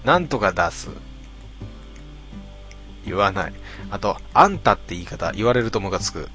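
A man casually reading out listener posts and answering each one with dry, deadpan remarks. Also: low voice, moderate pace, soft background music. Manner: deadpan, wry retorts between readings. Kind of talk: casual commentary reading comments.

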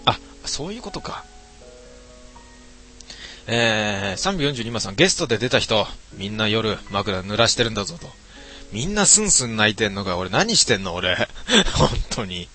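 A man's voice: on the low side, very animated, moderate pace, bright, forceful tone, faint music behind. A man casually reading viewer comments aloud and joking at his own expense. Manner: self-mocking, muttering asides. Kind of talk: casual chat.

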